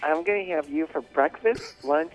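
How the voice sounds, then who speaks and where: A man calling in to a radio show, joking in a slow, playful way. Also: fairly high pitch, muffled recording, soft background music. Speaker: caller.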